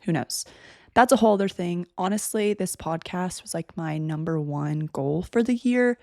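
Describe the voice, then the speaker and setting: A woman's voice: on the low side, moderate pace, creaky, a little mellow, no echo, clean studio sound. A young woman in her twenties hosting a casual solo podcast, chatty and rambling, sounding a bit congested. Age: 20s. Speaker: podcast host. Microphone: desk microphone.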